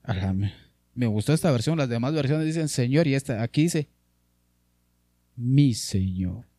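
Male preacher, mellow tone, dry close recording, sermon delivery with sweeping pitch. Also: a little fast, no echo. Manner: addresses listeners as brother, lively swings in pitch.

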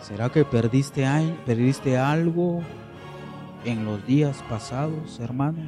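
A man preaching a sermon at a church service, slow and emphatic, repeating phrases and swinging between loud declarations and hushed pleading. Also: medium pitch, over music. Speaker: pastor.

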